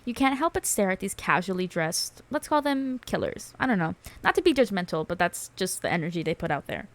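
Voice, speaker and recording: A woman's voice: lowish voice, sing-song, brisk. A woman on a casual gaming stream who reads game text aloud and laughs often between jokey asides.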